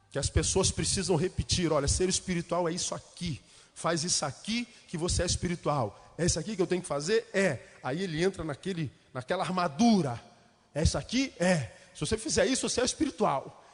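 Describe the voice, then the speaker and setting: High-voiced male pastor in a reverberant church. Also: animated, fairly quick, slightly rough. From Brazil. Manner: storytelling, shifting into fervent rhetorical questions. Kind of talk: sermon with humorous anecdotes.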